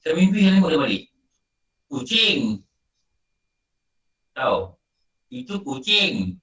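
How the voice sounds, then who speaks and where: A man's voice: on the high side, sing-song, slow pace, bright, forceful tone. Malaysian Malay man, roomy distant sound. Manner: conversational, storytelling with repetition. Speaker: religious teacher. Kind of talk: informal religious lecture with Q&A.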